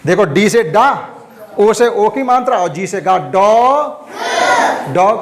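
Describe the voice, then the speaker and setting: Slow, patient male schoolteacher in class. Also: high voice, lively intonation. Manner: slow, repetitive, spells words out letter by letter. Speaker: primary school English teacher. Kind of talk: classroom lesson. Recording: noisy classroom with chattering kids. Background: children in the class.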